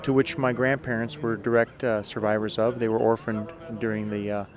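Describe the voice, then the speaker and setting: A man's voice: lowish voice, flat delivery, over music. A man, a police lieutenant, giving a composed interview outdoors at a commemoration event. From United States. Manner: composed, speaks in measured statements.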